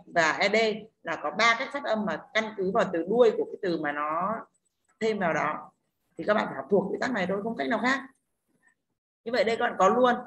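A woman's voice: medium pitch, a bit bright, slight background noise. Woman teacher explaining step by step. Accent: Northern Vietnamese. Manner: explains step by step, keeps checking with "đúng không?". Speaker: English teacher. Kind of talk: online class teaching.

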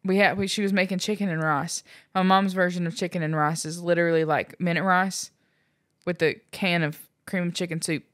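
A woman's voice: lowish voice, fairly even intonation, a little fast, no room sound, studio quality. A young woman chatting casually with her husband, teasing him and telling stories with plenty of laughter. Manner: teasing, laughs often, storytelling. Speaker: co-host, wife. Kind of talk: casual couple chat.

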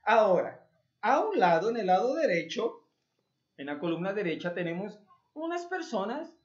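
A woman's voice: medium pitch, sing-song, moderate pace. A woman from Mexico with a Mexican Spanish accent, teaching English to young children. She spells words out letter by letter and praises her pupils, calling them "hijos". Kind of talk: remote lesson for young children. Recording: roomy, dull lo-fi home recording.

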